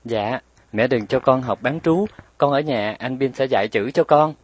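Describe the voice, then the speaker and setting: A man with a husky, near-everyday voice plays a playful, stubborn little girl who bites her playmates, speaking cheekily and pleadingly in a raised pitch. His pace is moderate and the recording is dry.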